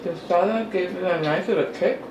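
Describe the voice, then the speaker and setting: A brisk vlogger with a medium-pitched voice chats casually while eating, the audio sounding dull. Expect chewing, mm-hmms, and chatty self-deprecation, all in a roomy room with faint ambient noise.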